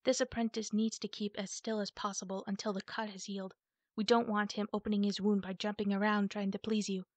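A woman's voice: medium pitch, level tone, no echo, natural voice. A woman voicing a young female medicine cat in a storybook reading, teasing yet firm. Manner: teasing, brisk.

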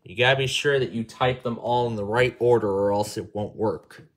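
At a normal speed and fairly low pitch, a man leads a relaxed hands-on app demo from indoors, narrating his thoughts as he moves through the process.

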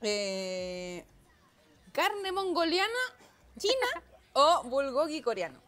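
A woman's voice: high voice, big pitch swings, takes it slowly, fairly bright tone, faint music behind. A young woman hosting a studio chat, moving it along with short reactive interjections. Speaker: host. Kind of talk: casual chat. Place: TV-style studio set.

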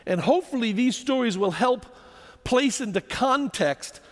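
Man lecturing in a large hall, expressive pitch, long reverb; suits a lively talk. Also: unhurried. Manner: animated storytelling, rhetorical questions. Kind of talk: public lecture to an audience.

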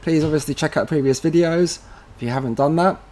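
Speaking a little fast in a slightly husky, somewhat high voice with a darkish tone, a man gives a casual tutorial. He talks informally through each step while doing it.

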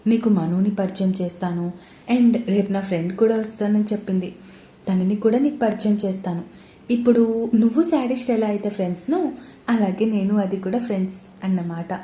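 A woman's voice: medium pitch, roomy sound, natural voice. A woman reading the part of a feisty, cheerful young wife in a spoken romance story. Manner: lively, quick to threaten.

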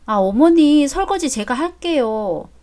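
A woman voicing a polite young daughter-in-law who speaks softly and respectfully in a story drama. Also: sits high, animated, a little slow. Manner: polite, soft-spoken. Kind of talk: story drama read aloud.

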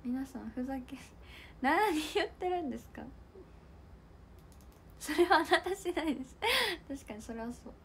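A woman's voice: high voice, lively intonation, moderate pace, long pauses, slight background noise. A young woman hosting a casual livestream, chatting with viewers and reading comments in a bubbly, giggly way. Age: young adult. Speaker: idol livestream host.

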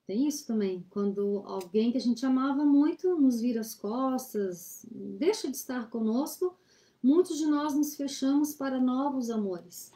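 Woman, study-group presenter; earnest, exhorting, fairly high and warm, laptop webcam in a small room. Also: animated, a little slow. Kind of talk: reflective teaching talk. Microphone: laptop webcam on a video call.

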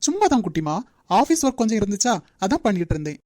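A woman voicing a brisk, strict young male manager. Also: medium pitch, sing-song, warm tone, no echo, clean studio sound, natural voice. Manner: brisk, lecturing. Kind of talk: Tamil cartoon dub.

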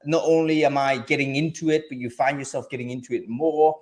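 Speaking a little fast with fairly even intonation, this man has a medium-pitched, slightly mellow voice. He's the host of a live video-call panel, talking into an over-ear headset at home, friendly and chatty with plenty of fillers and restarts.

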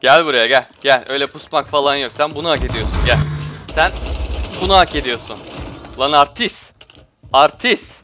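A man's voice: medium pitch, normal speed, bright, forceful tone, faint music behind. A man commentating his own shooter gameplay, switching between frustrated outbursts, muttering to himself and slangy trash talk at opponents. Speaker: gaming streamer.

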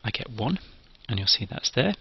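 A man's voice: mid-range voice, very animated, moderate pace, vocal fry, slightly rough, dry recording, highs cut off. A man giving a recorded engineering lecture, explaining each step methodically.

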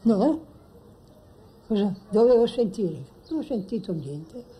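A woman's voice: medium pitch, big pitch swings, slow, mellow. An actress playing a kindly, forgetful older woman listening to someone read to her. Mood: absent-minded. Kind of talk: film drama.

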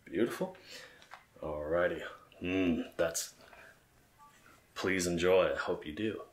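A man's voice: deep voice, takes it slowly, roomy sound. A man doing ASMR role-play game commentary as a bartender, with polite, attentive customer-service patter. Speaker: ASMR gamer playing a bartender.

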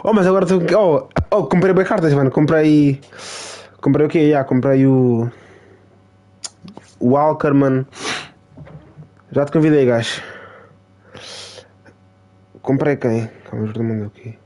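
A young man with a European Portuguese accent, live-streaming a football game in excitable, trash-talking casual chatter that repeats itself. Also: mid-range voice, measured pace, long pauses. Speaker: gaming streamer.

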